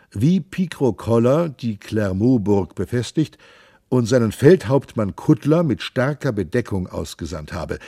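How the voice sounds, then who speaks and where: A man reading a comic classic novel aloud, narrating in a measured storytelling manner. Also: fairly low pitch, mellow, dry recording, clean studio sound. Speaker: audiobook reader.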